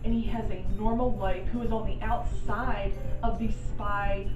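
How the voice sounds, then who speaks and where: A woman's voice: medium pitch, steady tone, a little slow. A woman speaking as a co-host in a casual, opinionated discussion, with an emphatic way of making her points. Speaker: podcast co-host reviewing superhero TV. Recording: roomy echo, distant mic, music behind.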